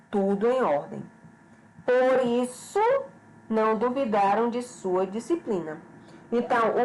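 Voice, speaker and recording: A woman's voice: fairly high pitch, a little mellow, slight background noise, poor audio. A woman teacher giving an online grammar lesson, patient and repetitive, often checking in with her students. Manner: slow, patient, repeats questions and checks with "certo?".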